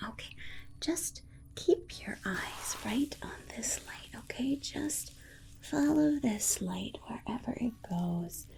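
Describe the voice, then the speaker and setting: A woman with a mid-range, slightly mellow voice and vocal fry whispers an ASMR exam roleplay, playing a soothing yet condescending female alien scientist. She coddles and reassures the listener with murmured asides, and the audio quality is poor.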